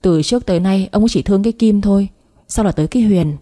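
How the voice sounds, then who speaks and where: A woman voicing a scheming young stepmother, shrill and quarrelsome, in a spoken story. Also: quick pace, warm tone, close to an everyday voice. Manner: shrill, nagging.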